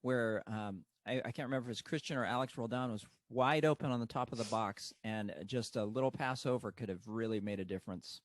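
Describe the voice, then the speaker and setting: A man's voice: mid-range voice, quick pace, hardly any pauses, no echo. A man who is a pastor and coach, a podcast guest talking animatedly about a sports game. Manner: animated, storytelling. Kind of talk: casual sports chat.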